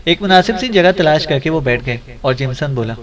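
A man's voice: a little high, lively intonation, brisk, lo-fi sound. Man reading a spy novel aloud. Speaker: audiobook narrator. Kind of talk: scripted novel narration.

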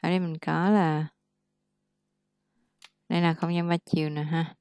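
A woman's voice: sits low, flat delivery, a little slow, darkish tone, smooth, no room sound. A woman tutoring English one-on-one, patiently correcting pronunciation and explaining words.

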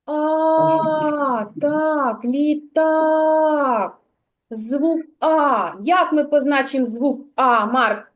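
A woman teaching a kindergarten literacy lesson, her voice high and bright. She speaks unhurriedly, sounding out each syllable with care. She keeps prompting the children with gentle questions. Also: poor audio. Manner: slow, carefully articulated, coaxing questions to children. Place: kindergarten classroom.

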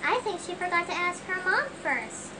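A performer voicing a patient, gentle father who speaks calmly and reassuringly, with the audio sped up and pitched high. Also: moderate pace, far from the mic, background noise. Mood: soothing. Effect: sped-up, pitch-raised playback.

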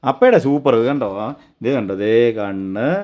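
A man's voice: medium pitch, normal speed, darkish tone. A father in a casual family video, coaxing and half-laughing, sometimes exasperated, as he talks to his child.

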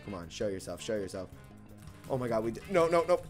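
A young man commentating on his gameplay as a hyped gamer bro, excitable and slangy, often repeating short phrases. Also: lowish voice, fast, soft background music. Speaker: gaming video host.

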